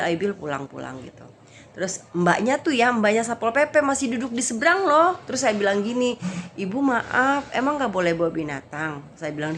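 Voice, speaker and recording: A woman with a fairly low voice tells her viewers a story in a casual vlog. She talks to them as brothers and sisters and keeps the retelling lively, with a faint ambient hiss behind her. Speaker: vlogger and street evangelist.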